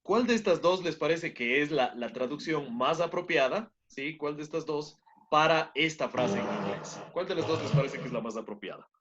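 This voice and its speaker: A man teaches online at a normal speed, his fairly high voice a bit bright, laying out a point step by step. He often asks his students questions to check in, and the audio quality is dull and lo-fi.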